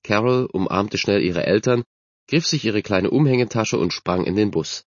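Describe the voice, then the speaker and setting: A man with a low voice reads a children's story aloud in a steady, clear narrating style. The recording is dry and close, with a dull, slightly muffled tone. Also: moderate pace, no echo. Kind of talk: audiobook narration.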